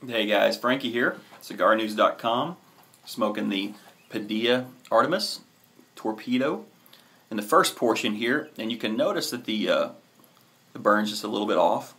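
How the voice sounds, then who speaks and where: A man in his thirties giving a casual, hesitant, relaxed review to camera as a host, with frequent pauses. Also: on the low side. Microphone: camera at arm's length.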